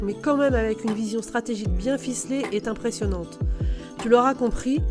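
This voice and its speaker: A woman with a fairly high voice speaks as a podcast host and career coach. She moves between presenting and conversational interviewing, with light music in the recording.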